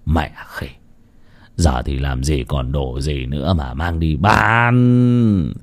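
A man's voice: takes it slowly, full character voice. A man voicing a drunk, greedy middle-aged man who mutters and snaps at his mother. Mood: drunken muttering. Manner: low muttering, gruff.

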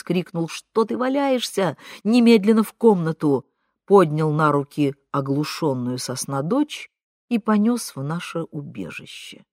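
Expressive woman narrating an audiobook. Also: low voice, dry recording, clean studio sound. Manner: expressive, ironic storytelling. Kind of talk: first-person literary narration.

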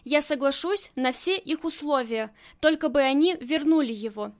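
A woman reading as a hard, cold-blooded female gang boss who talks in curt, commanding lines, her voice high. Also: animated, moderate pace. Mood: firm.

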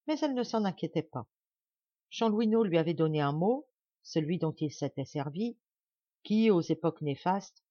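Expressive woman narrating an audiobook. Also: deep voice, dry recording, highs cut off. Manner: dramatic, emphatic reading. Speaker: audiobook reader.

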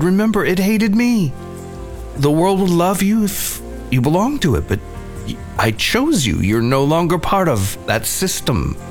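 Earnest man praying over soft music. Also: fairly high pitch. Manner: earnest, gentle and heartfelt. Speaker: podcast host. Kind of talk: devotional reflection and prayer.

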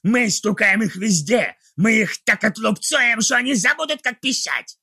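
Nasty goblin warlord, high scratchy gravelly voice, barks orders at everyone. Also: male voice, expressive, moderate pace, bright, forceful tone, full character voice. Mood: ranting. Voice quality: shrill, gravelly and raspy. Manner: barking, ranting orders. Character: cruel scheming male goblin warlord, short-tempered.

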